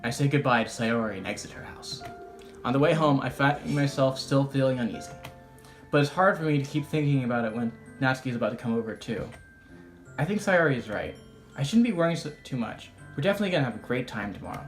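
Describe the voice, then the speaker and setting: Animated young woman reading a game aloud. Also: very deep voice, fast, soft background music. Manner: animated, joking. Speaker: let's play host.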